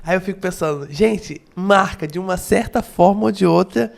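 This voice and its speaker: A man's voice: high voice, moderate pace, vocal fry. A man with a Brazilian Portuguese accent hosting a church podcast, talking casually and reminiscing, often saying "gente". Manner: relaxed, reminiscing, says "gente" and "cara". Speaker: podcast host.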